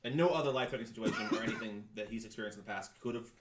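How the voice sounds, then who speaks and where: A man's voice: fairly low pitch, very fast, far from the mic. A man acting as game master, casually explaining the story with fillers and laughter. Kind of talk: narrating a tabletop game. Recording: echoey room with faint noise.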